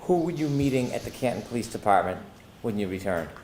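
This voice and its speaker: A man's voice: lowish voice, animated, fast, a little mellow, slight background noise, poor audio. A man working as an attorney, questioning a witness in court in a formal, methodical and precise way. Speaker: prosecuting attorney.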